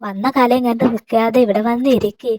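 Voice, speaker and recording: A woman voicing an affectionate middle-aged mother-in-law who pleads and coaxes gently. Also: on the high side, fairly even intonation, fast, no echo, lightly acted.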